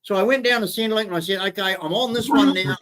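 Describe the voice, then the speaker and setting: A man's voice: high-pitched, quick pace, a bit bright. A man, chatting bluntly and swearing with lots of restarts as co-host of a casual streamed talk show. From New Zealand. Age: 60s. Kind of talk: casual chat.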